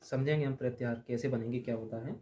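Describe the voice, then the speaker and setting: A man teaching a grammar lesson, drilling letters aloud and repeating them slowly for the class. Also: medium pitch, steady tone, dark tone, slight background noise.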